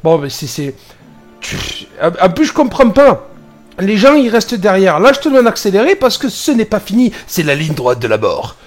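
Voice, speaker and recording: A man's voice: sits high, normal speed, soft background music. A man driving a truck in France, commenting on the road in a joking, exasperated way. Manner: joking, animated, exasperated at other drivers. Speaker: truck driver. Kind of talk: casual dashcam commentary.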